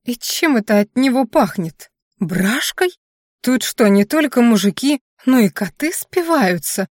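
Woman doing a loud, scolding grandmother. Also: on the high side, lively intonation, a little slow, no room sound, clean studio sound, voice pushed up. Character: bossy, squeamish old grandmother.

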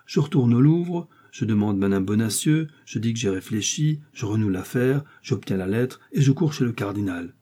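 A man's voice: on the low side, expressive, moderate pace, few pauses, warm tone, husky. A man reading aloud and voicing a foolish, eager middle-aged shopkeeper who is keen to please.

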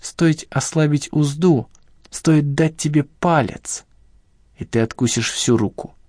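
A man doing a shrill, hysterical obsessed kidnapper. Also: slow pace, dry recording, clean studio sound. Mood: suspicious, ranting. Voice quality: high, sharp, shrieking voice. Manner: pathetic, self-righteous outbursts.

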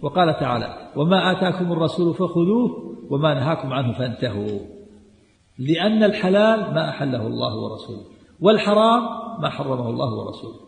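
A man giving a religious lesson on a book, emphatic and repetitive, dropping into quiet asides. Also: fairly high pitch, big pitch swings, fast, gravelly, a little hiss or hum. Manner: emphatic, repeats key points, drops to quiet asides. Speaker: Islamic scholar teaching a text. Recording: echoey hall recording.

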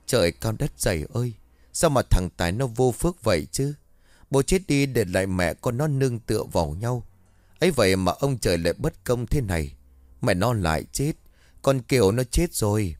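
A man's voice: lowish voice, animated, moderate pace, a little mellow, no room sound, studio quality, natural voice. Grieving old village woman, read by a man. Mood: wailing. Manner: wailing, urgent pleading.

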